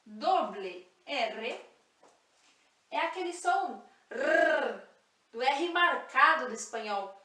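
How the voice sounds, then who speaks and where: High, slow woman teaching in an echoey room. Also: pushed and bright, recorded from a distance. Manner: slow, clear, spells out sounds and repeats example words. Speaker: Spanish teacher. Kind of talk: online language lesson.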